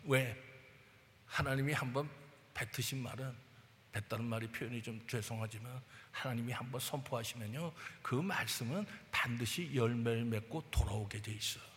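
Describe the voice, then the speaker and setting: Bright-voiced male pastor preaching in a reverberant hall. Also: mid-range voice, normal speed, a little hiss or hum. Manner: animated preaching, swings from loud to hushed. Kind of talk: sermon.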